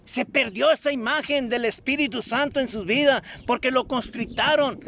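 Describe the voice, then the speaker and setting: A man's voice: very high voice, normal speed, pushed and bright, slight background noise. A man preaching a fervent sermon to a streamed audience, exhorting listeners with repeated, insistent phrases. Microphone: streamed broadcast.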